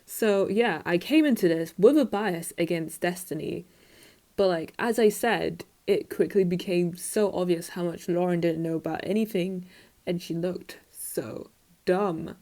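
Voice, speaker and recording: A woman's voice: on the low side, a little slow, warm tone. A woman vlogger talking casually to camera in a rambling, self-mocking way, with many fillers. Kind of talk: casual monologue.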